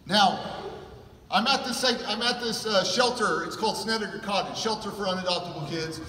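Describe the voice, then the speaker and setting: A middle-aged man from California, a conference keynote speaker telling his own story with emotion, dropping to a hush and then rising to loud emphasis. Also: sits high, normal speed. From California, USA. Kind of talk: personal storytelling talk. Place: large hall with an audience. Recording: echoey hall, mic at a distance.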